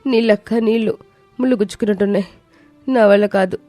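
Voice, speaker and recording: A woman's voice: medium pitch, steady tone, fast talker, mellow, dry recording, faint music behind, close to an everyday voice. A woman voicing a young daughter-in-law in a cartoon story who pleads and whines about chores. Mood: whiny. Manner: whiny, pleading.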